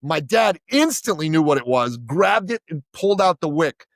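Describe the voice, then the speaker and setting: A man's voice: on the high side, big pitch swings, normal speed, no room sound, studio quality. A middle-aged man from Iran, a podcast guest, telling his family's story in an emphatic, orator-like way. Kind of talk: impassioned storytelling.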